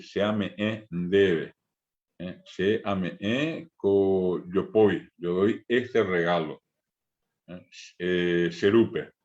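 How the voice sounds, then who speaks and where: A man with a Paraguayan Spanish accent, teaching a language class, who speaks patiently and repeats words slowly for his learners. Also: fairly low pitch. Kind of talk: online language lesson. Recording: dull lo-fi audio.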